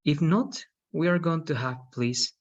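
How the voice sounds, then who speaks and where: Male teacher in his thirties, slow and husky, muffled webcam sound. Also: a little high. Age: 30s. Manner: slow, patient, tags sentences with "right?". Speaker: English teacher. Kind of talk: online class explanation. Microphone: video call webcam. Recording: dull lo-fi video call audio.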